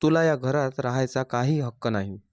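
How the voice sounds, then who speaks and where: A man voicing a jealous, sharp-tongued young sister-in-law who taunts and scorns. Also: mid-range voice, normal speed, no room sound, close to an everyday voice. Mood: angry.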